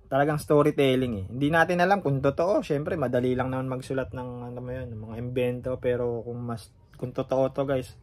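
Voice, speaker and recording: A man's voice: mid-range voice, fairly even intonation, fairly quick. A man talking casually to his viewers as he reacts to a song, often asking them questions and swearing in surprise.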